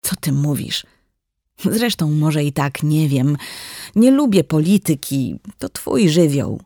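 A narrator voicing a married woman doctor close to forty, who speaks calmly and firmly to her husband. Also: medium pitch, slow pace, no echo, exaggerated voice. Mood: firm, earnest. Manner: calm, then firm and warning. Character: woman doctor nearing forty, steady wife.

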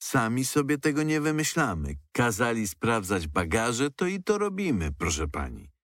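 A man's voice: medium pitch, sing-song, moderate pace, a bit bright, no room sound, studio quality, pitched above the performer's own voice. A man voicing a slightly frightened middle-aged policeman justifying his orders. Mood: defensive.

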